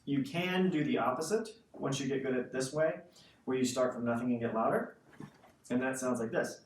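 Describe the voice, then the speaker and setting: A man's voice: medium pitch, normal speed. A man giving a casual instructional explanation as a music teacher, conversational and often checking in with the listener. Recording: roomy, distant mic, faint noise.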